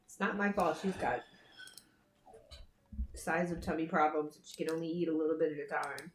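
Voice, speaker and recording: Casual co-host, woman, hoarse and rough-edged, low-ish voice, blunt rambling delivery, roomy echo. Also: moderate pace, slight background noise. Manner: blunt, swears freely, rambling with fillers. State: hoarse, scratchy throat. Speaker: co-host on a livestream. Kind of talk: casual chat.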